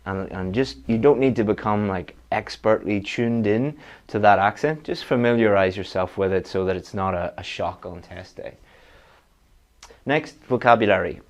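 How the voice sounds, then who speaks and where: Man coaching exam students, lower voice. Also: moderate pace. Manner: direct, coaching, talks straight to students. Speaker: IELTS teacher. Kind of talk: online exam-prep lesson.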